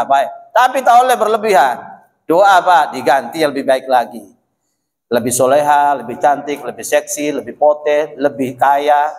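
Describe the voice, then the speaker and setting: High-voiced preacher with Madurese accent. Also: male voice. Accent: Madurese-influenced Indonesian. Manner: animated, addresses listeners as "Pak", mixes Arabic prayers in. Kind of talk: mosque sermon. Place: mosque hall. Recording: long hall reverb.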